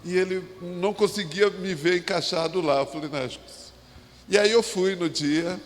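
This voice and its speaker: Brazilian male pastor, slightly high voice, halting sermon delivery, long church reverb. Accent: Brazilian Portuguese. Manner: halting, with many restarts and rhetorical asides. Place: church sanctuary.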